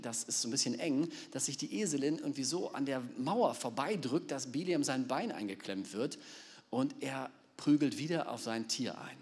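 A man preaching a sermon, retelling a story in a lively, animated way. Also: medium pitch. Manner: animated, acts out the characters. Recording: long reverb of a large hall.

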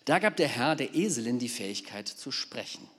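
A man preaching a sermon, retelling a story in a lively, animated way. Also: medium pitch, moderate pace. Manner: animated, acts out the characters. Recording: long reverb of a large hall.

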